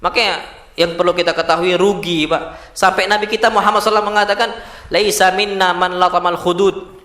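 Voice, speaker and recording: Picture a man preaching in a mosque hall, his voice pitched unusually high and ringing with a bright, forceful edge. He keeps firing questions at his listeners and answering them himself, calling them "sir" as he goes and working in Arabic sayings. The sound bounces around the room with plenty of echo. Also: fast. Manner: lively, asks the audience rhetorical questions and answers them himself; addresses listeners as "Pak", quotes Arabic sayings. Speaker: Islamic preacher. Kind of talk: mosque sermon.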